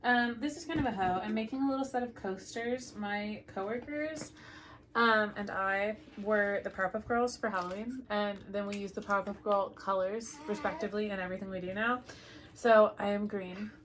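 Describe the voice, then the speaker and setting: A young woman co-hosting a casual knitting podcast, relaxed and friendly as she walks through her projects. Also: mid-range voice, moderate pace, a little hiss or hum. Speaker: podcast co-host.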